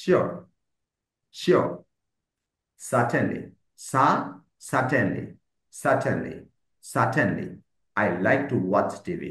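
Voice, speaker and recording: A man teaching a grammar lesson to a class, slowly repeating example sentences and asking the students questions. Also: on the high side, fairly bright tone, roomy sound. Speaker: IELTS instructor.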